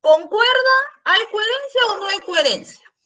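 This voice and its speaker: A middle-aged secondary school language teacher patiently explains a grammar lesson in an online class, asking her students questions and repeating examples. Her voice is extremely high-pitched, bright, expressive, and forceful, at a normal speed.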